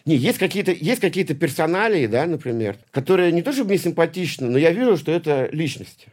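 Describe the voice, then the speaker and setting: Fast-talking, swearing man in his forties. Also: fairly high pitch, sing-song, a little mellow. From St Petersburg, Russia. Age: 40s. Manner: rambling, heavy swearing, many restarts and repeated words. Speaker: guest, punk poet and musician. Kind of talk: casual interview talk.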